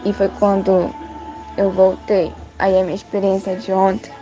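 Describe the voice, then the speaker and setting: A young woman from Brazil giving a spoken church testimony of a vision, halting and repetitive with many restarts. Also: mid-range voice, completely flat delivery, dark tone, dull audio, faint music behind. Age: young adult.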